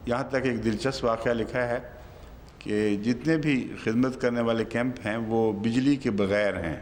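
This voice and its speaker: A man's voice: medium pitch, long reverb tail, a little hiss or hum. A man giving an unscripted religious lesson in a conversational manner, stopping now and then to question a helper. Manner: conversational, breaks off to quiz a helper. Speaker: religious teacher giving Quran commentary. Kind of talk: unscripted sermon-like lesson to a gathering.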